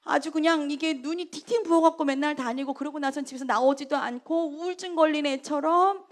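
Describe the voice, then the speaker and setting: High-voiced woman preaching animatedly. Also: a little fast. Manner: animated, acts out scolding in loud bursts. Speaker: evangelist preaching. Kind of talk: storytelling sermon.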